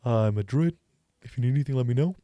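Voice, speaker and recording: A man's voice: mid-range voice, warm tone, no echo, lo-fi sound, natural voice. Man doing a friendly earth genasi druid. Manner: talks forward in the mouth, a bit quicker.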